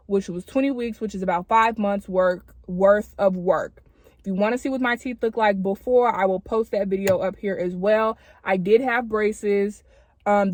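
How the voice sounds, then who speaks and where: A woman with a mid-range voice chats casually to her subscribers as a vlogger, speaking to camera in informal, girlfriend-like slang. She's wearing retainers, which slightly impede her words. The sound is close and dry, with no echo.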